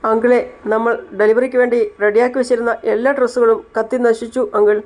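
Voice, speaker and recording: A man's voice: very high voice, flat delivery, fast talker, darkish tone, voice pushed up. A woman voicing a distraught young businessman speaking tearfully. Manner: tearful, sorrowful.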